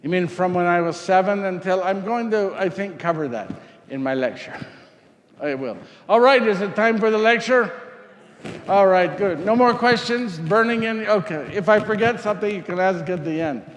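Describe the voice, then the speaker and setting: Male actor as Saint Luke: earnest, rambling physician, higher voice, echoey hall. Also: moderate pace, natural voice. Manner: rambling, repeats phrases, answers questions in character. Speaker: costumed presenter. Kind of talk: first-person character talk with audience. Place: parish hall before an audience. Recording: echoey hall, faint noise.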